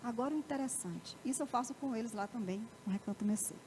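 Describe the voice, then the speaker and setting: A woman with a high voice and a Brazilian Portuguese accent gives a motivational lecture to a live audience in a parish auditorium. She keeps checking in with rhetorical questions. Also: fast talker, noisy background.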